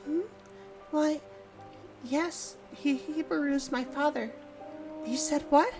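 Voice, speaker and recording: A man voicing a gentle young woman, a settler's daughter, reading her game lines softly and apologetically. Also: very high voice, slow, pitched above the performer's own voice, heavily acted, low-quality recording. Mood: polite. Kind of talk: reading game dialogue aloud. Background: game music.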